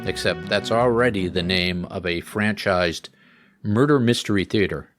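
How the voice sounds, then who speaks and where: Host: tired man, low-ish voice, rambling jokey chat, music bed underneath. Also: normal speed. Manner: rambling, joking asides. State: tired after a late flight. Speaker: podcast host. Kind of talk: casual chat.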